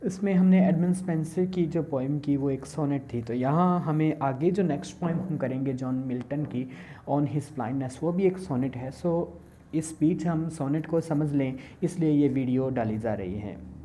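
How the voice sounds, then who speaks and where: Slow, low-voiced woman lecturer. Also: mellow, a little hiss or hum. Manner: explains slowly, reads English examples aloud and then explains them in Hindi; uses frequent fillers. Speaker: college lecturer. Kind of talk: recorded lecture explaining poetry in Hindi and English.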